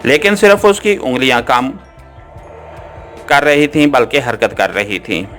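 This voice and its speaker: Brief: male audiobook narrator, steady reading, mid pitch, light music bed. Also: a little slow. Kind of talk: scripted novel narration. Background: soft background music.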